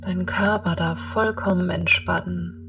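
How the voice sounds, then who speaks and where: A woman guiding a meditation in a soft, breathy, half-whispered soothing voice, speaking in slow, spaced-out calm instructions. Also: on the low side, distant mic, soft background music. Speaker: podcast host and meditation guide. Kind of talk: guided meditation.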